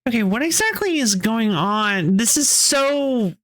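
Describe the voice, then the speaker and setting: A woman's voice: a little high, lively intonation, a little slow, fairly bright tone. A woman game streamer giving casual live commentary.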